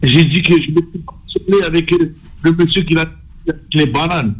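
An excitable man from Algeria calls in to a radio show, joking freely in loose grammar. His voice sits a little high for a man. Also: normal speed, husky, poor audio. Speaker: caller. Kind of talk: call-in chat.

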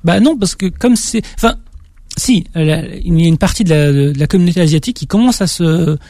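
Here the guest is a young French author, lightly accented from Auvergne, who responds to interview questions with hesitation and frequent restarts. The voice sits high with lively intonation, a touch fast and mellow, and the recording is dry.

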